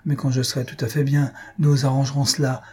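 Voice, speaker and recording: Brief: reader as a young layabout faking illness, feeble and languid, dark husky tone. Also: male voice, mid-range voice, little pitch movement, fast, voice pushed up, natural voice. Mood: evasive. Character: lazy gluttonous young man feigning illness.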